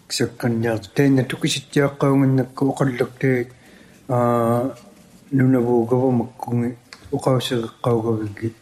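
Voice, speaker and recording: A man's voice: medium pitch, a little mellow, a little hiss or hum, rough recording. A man with an Inuit accent speaking formally as a councillor at a meeting.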